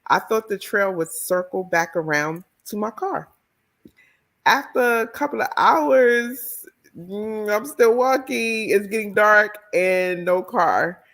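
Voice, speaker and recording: A woman's voice: medium pitch, takes it slowly. A middle-aged woman from the Washington, D.C. area, an author and educator telling her story in an interview. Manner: expressive, animated storyteller.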